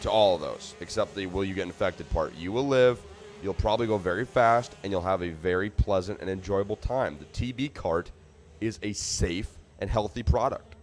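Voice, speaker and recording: A man's voice: low voice, moderate pace. A man giving live race commentary in a chatty, joking way, rambling into funny asides between lap times.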